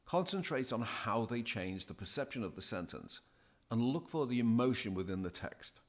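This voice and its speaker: A man speaking as a podcast guest, giving deliberate, emphatic advice as a DJ coach. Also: medium pitch, animated. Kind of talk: measured, scripted-sounding advice.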